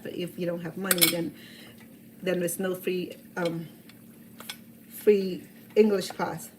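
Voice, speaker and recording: This Cambodian woman in her sixties hosts a cooking video, speaking with a Cambodian accent in a mid-range voice. She tells her story earnestly and from the heart, restarting often. The recording is rough, with slight background noise.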